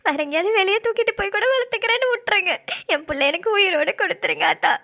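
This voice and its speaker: A woman's voice: extremely high pitch, lively intonation, fast talker, bright, forceful tone, heavily acted. Woman voicing a tearful pleading young mother. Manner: tearful, begging, calling out to her elder. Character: young village mother pleading for her newborn daughter. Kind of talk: cartoon voice acting.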